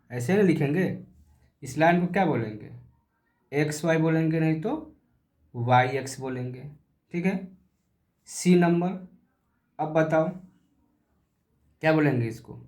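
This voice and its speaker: A man teaching a primary school maths lesson, slowly repeating points and asking questions he answers himself. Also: on the high side, a little mellow. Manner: slow, repetitive, asks and answers his own questions. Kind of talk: classroom video lesson. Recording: echoey room.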